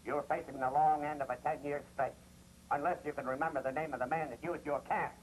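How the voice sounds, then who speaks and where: An American actor playing a gruff, exasperated older police inspector, blustery and sardonic, in a 1950s television crime drama. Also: male voice, on the high side, fairly even intonation, brisk, close to an everyday voice. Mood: threatening. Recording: noisy vintage 1950s TV soundtrack.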